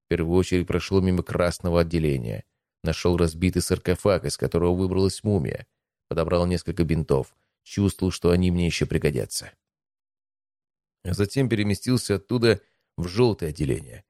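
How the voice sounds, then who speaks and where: A man narrating a first-person audiobook in an even, measured reading. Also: deep voice, no room sound, clean studio sound.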